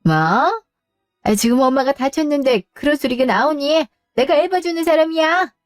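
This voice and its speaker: A proud, wounded mother in her sixties in a radio drama, sighing and grumbling under her breath. Her voice is dark and mellow and fairly high. It sounds dry, with faint music underneath. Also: animated, measured pace, no room sound. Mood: indignant. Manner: sighing, muttering complaints to herself. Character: retired older mother, hurt and proud.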